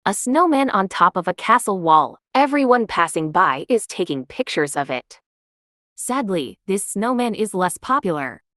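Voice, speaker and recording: A woman giving calm, measured, scripted travel narration as a vlogger on a winter hike. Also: mid-range voice, no room sound, clean studio sound.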